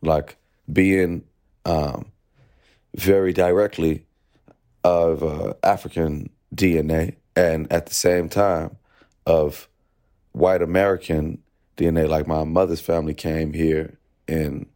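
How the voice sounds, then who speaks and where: Deep low guy musician talking loose and thoughtful in an interview, lots of you knows. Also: flat delivery, slow, pauses often, warm tone. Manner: reflective, loose, says "you know" often. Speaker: guest musician. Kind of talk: casual interview talk.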